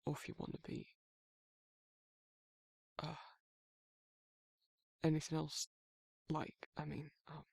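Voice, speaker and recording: A man plays a protective, awkward, soft-hearted male werewolf confiding in a friend in an intimate ASMR roleplay. His voice is on the high side and a little mellow, yet husky, breathy and gravelly, often dropping to a whisper, with a completely flat, slow delivery and long pauses as he rambles hesitantly, bashfully and informally in an awkward, sincere mood. It's a full character voice in clean studio sound with no room sound.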